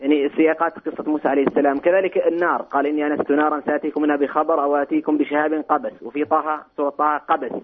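A man's voice: on the high side, level tone, racing, hardly any pauses. A man from Saudi Arabia calls in over the phone to a religious program, asking questions hesitantly and restarting his phrases as he searches for words. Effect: heard over the phone. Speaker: caller to a religious call-in program. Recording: tinny phone line, husky.

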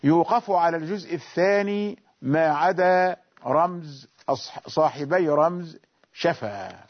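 A man with a high voice teaches the rules of Quranic recitation. He explains slowly and repeats each verse and rule several times. The recording is a little dull and lo-fi. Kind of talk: classical Arabic lesson on Quranic readings.

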